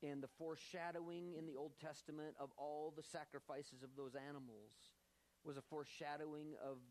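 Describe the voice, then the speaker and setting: A man preaching a sermon as pastor, earnest and emphatic, slowing down to stress key phrases. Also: mid-range voice, gravelly, rough recording.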